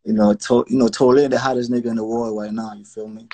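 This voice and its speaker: A man's voice: mid-range voice, flat delivery, quick pace, warm tone. A man from Florida, an aspiring rapper calling in, brags about his music and leans hard on fillers. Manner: boastful, repeats fillers. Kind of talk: casual video-call chat.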